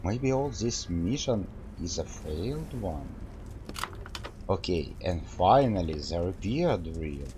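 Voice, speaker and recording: A man's voice: deep voice, big pitch swings, slow pace, noisy background. A man hosting a game walkthrough, chatting casually and reading the game's text aloud between his remarks.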